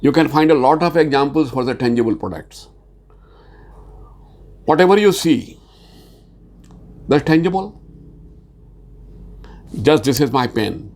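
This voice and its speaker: This Bihari man's medium-pitched voice is expressive and somewhat dark, with a Hindi-speaking Indian English accent. He delivers an insurance training talk at a slow, halting pace, dropping frequent "uh"s and lifting his voice on important points.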